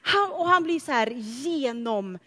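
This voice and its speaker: Woman, preacher, sermon, high voice, chatty animated storytelling, long church reverb. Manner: animated, chatty storytelling with playful asides to the congregation.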